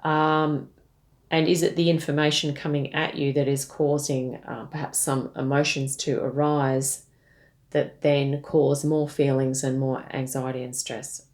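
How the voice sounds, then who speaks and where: A woman giving a tarot reading, addressing the listener gently, with frequent fillers and restarts. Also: rumbling low, level tone, a little slow. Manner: hesitant, many fillers and restarts; gentle, speaks directly to the listener. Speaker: tarot reader.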